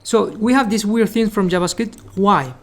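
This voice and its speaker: With a medium pitch and normal speed, this programming instructor from the Latin American Caribbean teaches coding live in Caribbean-accented Spanish. Explanations come step by step, peppered with "remember" and "okay," as he gently encourages the class.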